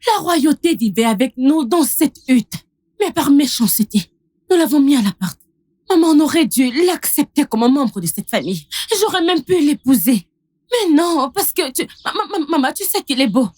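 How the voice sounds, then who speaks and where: A spoiled young village daughter, defiant and mocking. Her high voice swings up and down a lot, and she presses every point insistently. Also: big pitch swings, moderate pace, darkish tone. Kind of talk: dubbed film acting.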